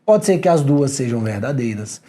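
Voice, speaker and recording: A Brazilian exam prep teacher delivers an energetic video lecture at a moderate pace, his pitch swinging widely from phrase to phrase. He addresses the viewer directly in an animated, slangy style, like a teacher keeping a class awake.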